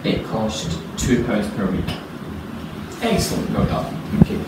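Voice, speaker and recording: A man in his thirties runs a spoken English test, slow, clear and encouraging. He sits well away from the mic in a small office, so his voice comes with a heavy echo off the walls. A loud hiss runs beneath it. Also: fairly low pitch, huge pitch swings. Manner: patient, encouraging, speaks slowly and clearly for a learner. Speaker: English speaking-test examiner. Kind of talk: spoken language exam interview. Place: small indoor office room. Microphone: far camera. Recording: echoey room, far from mic, loud noise.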